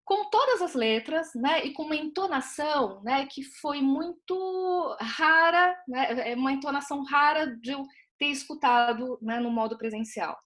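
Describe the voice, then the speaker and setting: A Brazilian woman speaks on a video call, her voice set a little high. She talks in a halting, careful way, full of fillers and tag questions, as a clinician describing her cases. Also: a bit bright. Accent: Brazilian Portuguese. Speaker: clinician from a therapy team. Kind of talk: online meeting talk.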